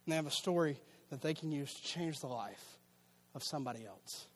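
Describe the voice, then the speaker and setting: A man's voice: fairly high pitch, expressive, fairly quick. A man, a youth and children's pastor giving upbeat, joking church announcements. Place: church auditorium.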